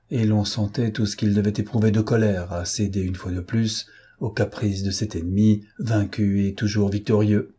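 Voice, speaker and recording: A man reading a classic novel aloud as an audiobook narrator in a measured storytelling manner. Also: lowish voice, dark tone, slightly rough. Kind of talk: scripted literary narration.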